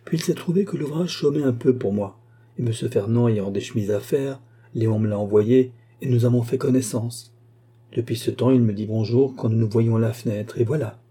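A man's voice: mid-range voice, fairly quick, mellow, husky, natural voice. A man reading a chatty, naive young working girl. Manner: chatty, matter-of-fact recounting. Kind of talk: audiobook character reading.

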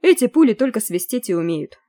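A woman's voice: on the high side, very animated, fairly quick, dark tone, no echo, clean studio sound. A woman voicing a cocky, mischievous schoolboy who talks in a laid-back, wry way.

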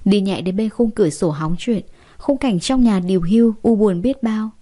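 A woman's voice: mid-range voice, normal speed, mellow. A woman narrating a first-person story in an emotive, chatty way.

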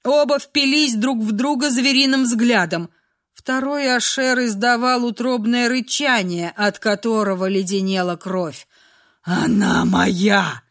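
A woman narrating a dramatic audiobook in a measured, expressive way. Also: a little high.

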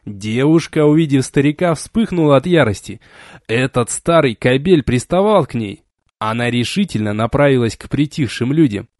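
A man reading an adventure novel aloud as an audiobook, in an expressive storytelling way. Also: mid-range voice, moderate pace, dry recording, studio quality. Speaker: audiobook reader. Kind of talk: audiobook narration.

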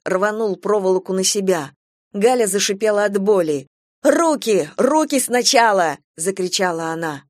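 A woman narrating a horror story in a steady, even reading voice. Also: medium pitch, dry recording, clean studio sound. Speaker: audiobook narrator.

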